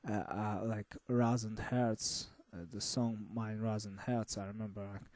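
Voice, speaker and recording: A man giving a casual album review, halting and full of fillers and restarts. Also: on the low side, flat delivery, darkish tone, no echo. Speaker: music reviewer.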